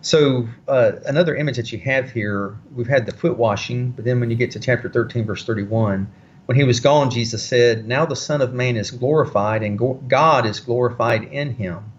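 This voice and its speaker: A man teaching a Bible study in a conversational way, explaining passages with frequent pauses and fillers. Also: medium pitch, lo-fi sound, slight background noise.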